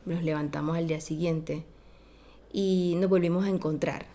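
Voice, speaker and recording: A woman with a low voice, speaking at normal speed, appears as a podcast guest. She recounts a childhood memory casually and with animation, imitating the voices of the people in it.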